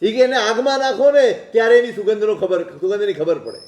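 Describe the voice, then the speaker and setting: Male preacher, high voice, sermon with stories and rhetorical questions, echoey hall recording. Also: a little fast, darkish tone.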